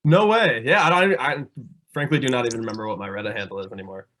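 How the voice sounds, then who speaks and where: A man with a Minnesota accent hosting a podcast over a video call, rambling and profane and quick to laugh. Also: mid-range voice, fairly bright tone, slight background noise. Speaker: podcast host. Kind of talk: casual podcast chat.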